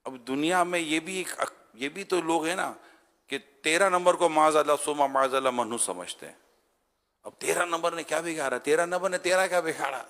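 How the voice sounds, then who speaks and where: A male religious scholar giving a storytelling talk, acting out the characters' voices as he goes. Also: a little high. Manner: animated storyteller who acts out voices. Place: studio. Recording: studio with long reverb.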